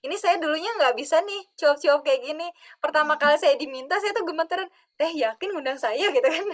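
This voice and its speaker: A woman's voice: high-pitched, fast talker. A woman with a Sundanese-tinged Indonesian accent, a webinar guest in casual sharing talk, chatty, laughing often and acting out her own thoughts over a video call.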